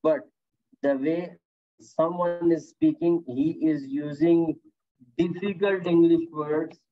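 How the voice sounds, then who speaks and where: On a video call, a man teaches a workplace safety course, encouraging his students, echoing their answers, and often saying "okay" and "very nice." His voice sits on the high side, with a steady tone and slow pace. It's an online lecture with class questions, picked up by a computer mic and sounding tinny, like a phone call.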